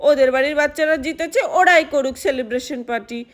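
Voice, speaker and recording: A woman's voice: high voice, fast, close to an everyday voice. A woman voicing an angry, strict village mother who scolds and complains in a doll story. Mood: complaining.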